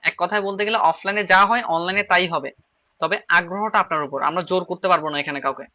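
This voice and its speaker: Fast, bright-voiced male shorthand teacher. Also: high voice. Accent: Chittagong Bengali. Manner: repeats phrases while writing on slides. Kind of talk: online class lecture.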